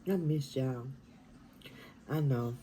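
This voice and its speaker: A woman, chatting casually while eating on camera in her dining room, talking softly and half-whispering. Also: extremely low pitch, slow pace, slight background noise, rough recording. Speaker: mukbang vlogger.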